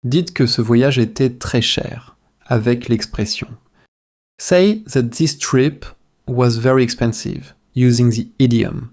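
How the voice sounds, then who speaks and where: Language drills are read one phrase at a time by a male teacher for shadowing practice. His delivery is measured and repetitive, and his mid-range voice has a darkish tone.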